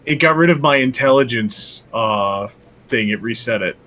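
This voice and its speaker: A man's voice: mid-range voice, normal speed, sharp tone, a little hiss or hum. A man playing a tabletop role-playing game, wry and swearing freely as his rolls go wrong. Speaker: player. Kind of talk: casual tabletop game chat.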